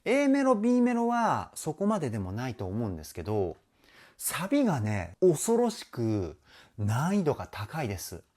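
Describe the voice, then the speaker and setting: A man's voice: medium pitch, wildly swooping pitch, moderate pace, darkish tone. A man working as a vocal coach, explaining a song's technique with eager, frequent praise. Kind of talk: song analysis commentary.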